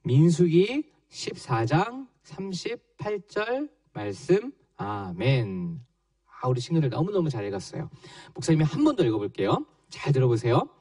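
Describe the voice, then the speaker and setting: Man, children's pastor, high lively voice, distant dry mic. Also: no room sound. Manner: animated storytelling to young children, slow emphatic reading. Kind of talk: children's sermon.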